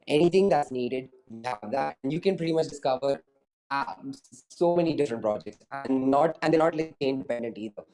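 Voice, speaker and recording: A man's voice: medium pitch, animated, fairly quick, warm tone, low-quality recording. A man who founded a startup, answering interview questions over a video call in a rambling way full of fillers and restarts.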